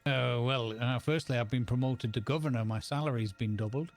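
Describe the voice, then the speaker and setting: Man acting part-leprechaun town governor, genteel, haggling, medium pitch, mock-dignified, game role-play. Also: steady tone, fairly quick, music in the background, lightly acted. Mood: genial. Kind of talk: improvised online role-play.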